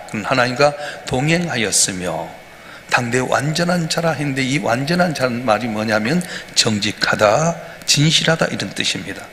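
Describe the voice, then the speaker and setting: A male pastor preaches an emphatic dawn sermon in a bright, forceful voice. He keeps asking his listeners questions as he talks. The sound has a long church-hall reverb over faint room ambience. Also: medium pitch, slight background noise. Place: church sanctuary.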